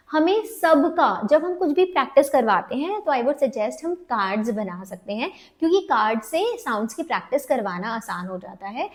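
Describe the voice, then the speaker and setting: A woman with an Indian English accent teaching a phonics lesson to parents, switching between Hindi and English and slowing down to sound out letters. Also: fairly high pitch. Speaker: phonics trainer.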